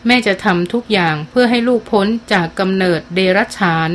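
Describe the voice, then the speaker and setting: A gentle teenage girl speaks in a soft, steady, tender voice to her little dog, as a woman reading the story puts her on. Her pitch sits in a middling range. A faint noise runs underneath. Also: a little fast, natural voice. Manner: soft, calm and even, tender.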